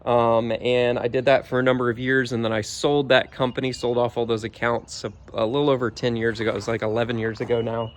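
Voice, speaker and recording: A man's voice: medium pitch, a little fast, hardly any pauses. A middle-aged man from Georgia in the US, casually walking through his homemade yard sprayer outdoors, rambling with lots of ums. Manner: relaxed, rambling with many ums. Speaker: home DIY vlogger. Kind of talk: casual how-to walkthrough.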